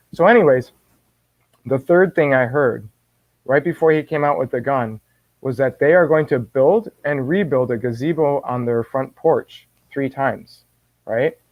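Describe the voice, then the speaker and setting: A man guest telling a personal faith story in an animated way, often restarting and repeating words. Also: medium pitch, dry recording. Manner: animated, acts out his own quoted words. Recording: dull dry lo-fi sound.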